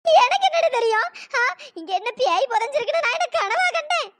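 Very shrill, panicky cartoon woman. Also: expressive, brisk, noisy background. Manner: panicky, whining, complaining. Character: jittery older sister, easily frightened and whining.

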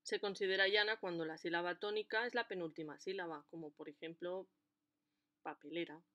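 Woman teaching in a deliberate voice. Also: on the low side, steady tone, a bit bright, lo-fi sound. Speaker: language teacher. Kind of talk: scripted explanatory lesson.

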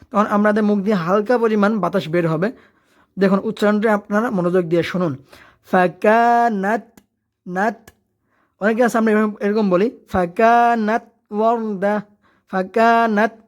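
A woman with a mid-range voice teaches tajweed, switching between quick spoken explanations and slow, drawn-out chanting of verses.

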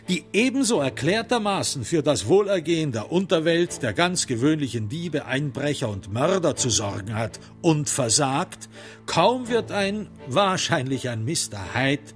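A man narrates a radio crime drama with dramatic literary reading, using measured, deliberate phrasing and emphatic stresses. His voice is a little high and very animated, and soft music plays in the background.

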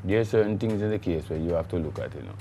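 Speaking quickly in a low, warm voice, a middle-aged recording artiste with a Jamaican accent guests on a studio interview. His talk is rambling and emphatic, full of patois phrasing, with slight background noise.

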